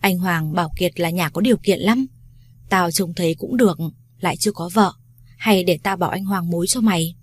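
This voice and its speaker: A woman voicing Ly, a brash, foul-mouthed young woman who bosses her friend around loudly. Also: lowish voice, fairly quick, slightly rough, dry recording. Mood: teasing. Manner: loud, bossy, swears freely.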